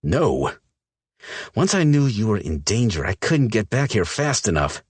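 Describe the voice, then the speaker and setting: Guy doing a hurt young woman, defiant, voice pushed way up, husky edge, dry close mic. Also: on the low side, very animated, a little slow, a little mellow, no echo, pitched above the performer's own voice, exaggerated voice. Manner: emotional, pleading, shaky. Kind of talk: audiobook character voice.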